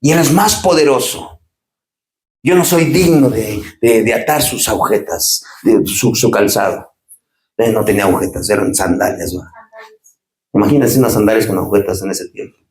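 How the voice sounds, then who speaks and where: A man preaching a sermon as pastor, swinging from raised, urgent lines to low, quiet asides. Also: normal speed, roomy sound. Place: church.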